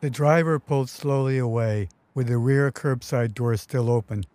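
A man's voice: mid-range voice, a little mellow. A man narrating his own memoir story in a vivid, wry storytelling manner. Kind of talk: first-person memoir narration.

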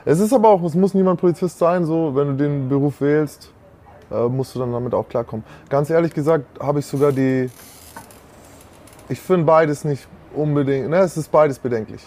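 Earnest male guest, slightly high voice. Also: normal speed, dark tone. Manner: earnest, reflective, emphatic. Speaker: guest, former convict. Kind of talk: casual interview conversation.

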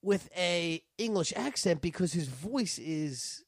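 Man, trivia podcast host, chatty, lively pitch, dry close sound. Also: no echo. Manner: chatty, explaining, quick to laugh. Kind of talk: casual podcast chat.

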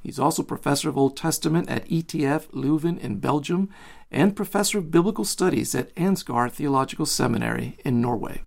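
A man hosting a book interview podcast, reading a formal, measured introduction and asking questions. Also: a little high, vocal fry. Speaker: podcast host.

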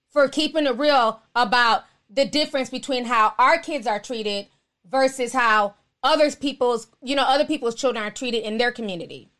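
A woman's voice: a little high, fairly bright tone. A woman hosting a live stream, chatting casually and answering viewer comments in a sassy, blunt, slangy, outspoken way.

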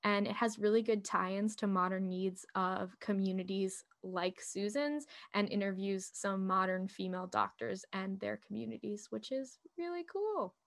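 Woman podcast co-host, gravelly texture, reads notes steadily, casual asides. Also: mid-range voice, moderate pace, hardly any pauses. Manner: reads notes steadily, then chats loosely. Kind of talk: casual history podcast narration.

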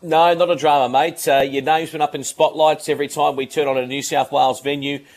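Radio host asking long questions. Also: male voice, fairly high pitch, fairly even intonation, fairly quick. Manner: friendly, wordy questions. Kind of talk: radio interview.

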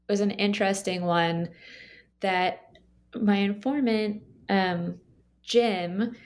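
A woman author answers interview questions about her research, explaining things in a measured way with the occasional um. Her pitch is fairly low.

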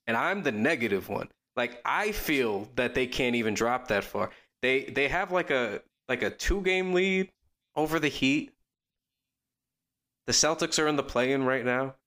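A man co-hosting a podcast, talking casually about basketball in a quick, rambling way with lots of fillers and restarts. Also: mid-range voice, expressive, pushed and bright. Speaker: podcast co-host. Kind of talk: casual sports chat.

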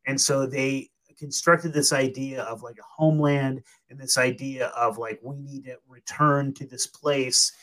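A man's voice: medium pitch, steady tone, unhurried, hardly any pauses, a bit bright, poor audio. A man hosting a podcast, talking in a rambling, laid-back way full of casual fillers. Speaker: podcast host.

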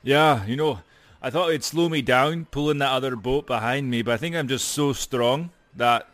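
A man's voice: medium pitch, moderate pace, fairly bright tone. A man chatting casually and jokingly as he improvises at a tabletop role-playing game.

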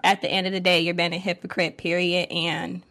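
A woman's voice: fairly low pitch, level tone, brisk, sharp tone. A woman giving opinions casually on a gaming podcast, blunt and emphatic, swearing as she goes.

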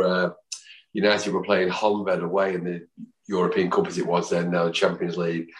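A man, a guest telling long, rambling stories in a podcast chat and acting out the people he quotes. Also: sits low. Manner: rambling, chatty storyteller who acts out quotes. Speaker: guest, fan songwriter. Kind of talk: anecdotal storytelling in a podcast chat. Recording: roomy echo.

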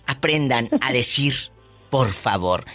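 Flamboyant Mexican radio host, lively pitch. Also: male voice, slow pace, soft background music. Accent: Mexican Spanish. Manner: theatrical, flamboyant, preachy asides. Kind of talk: radio call-in chat.

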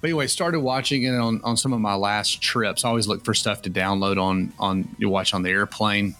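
A man co-hosting a podcast in casual chat, relaxed and full of fillers and restarts. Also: on the low side, a little fast, faint music behind. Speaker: podcast co-host.

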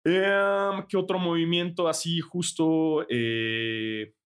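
A man with a Mexican accent, co-hosting a casual sports podcast, relaxed and joking, thinking aloud. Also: mid-range voice, normal speed. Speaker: podcast co-host.

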